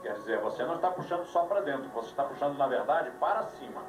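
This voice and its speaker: A man's voice: mid-range voice, animated, rapid-fire. A man leading a live yoga class, giving instructions with dry jokes, heard on an old VHS tape recording. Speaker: yoga teacher. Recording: echoey room, voice from far off, music behind, old VHS tape.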